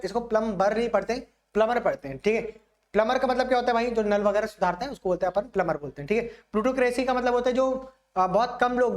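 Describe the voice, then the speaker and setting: A young man teaching exam vocabulary, explaining each word with everyday examples and asking the class often if it is clear. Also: high-pitched. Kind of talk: vocabulary lesson.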